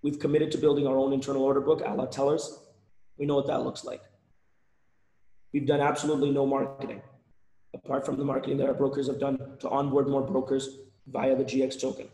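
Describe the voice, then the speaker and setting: A man's voice: medium pitch, monotone, fairly quick, mellow, a little hiss or hum. A man talks loosely through a webinar, circling back on himself with restarts and repeated words. His voice is wearing out and sounds a little strained. The sound is roomy and echoey. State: losing his voice. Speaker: webinar presenter. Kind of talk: casual live webinar talk.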